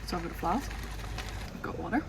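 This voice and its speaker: A woman's voice: on the low side, animated, fairly quick, gravelly, background noise. A woman chatting casually to camera as a vlogger.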